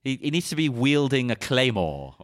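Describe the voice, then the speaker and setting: A man's voice: mid-range voice, big pitch swings, normal speed, dry recording, clean studio sound. A man co-hosting a casual film-discussion podcast, playful and questioning, laughing often. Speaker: podcast co-host.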